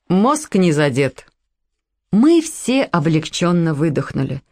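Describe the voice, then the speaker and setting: A woman reads a comic story aloud in a low-pitched voice. Her telling is lively and playful, with plenty of expression. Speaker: audiobook narrator. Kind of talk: expressive audiobook narration.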